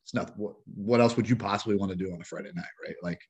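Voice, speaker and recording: Husky-voiced man rambling about sports. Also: fairly low pitch, darkish tone. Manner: rambling, halting with many restarts and laughs. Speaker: podcast co-host. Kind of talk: casual sports chat.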